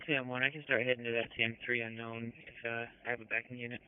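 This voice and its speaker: A man's voice: mid-range voice, level tone, fast talker, smooth, no room sound. A man, a police officer in the field, giving clipped, matter-of-fact reports over a police radio. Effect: police radio transmission. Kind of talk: terse radio call codes. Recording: tinny, dry police radio.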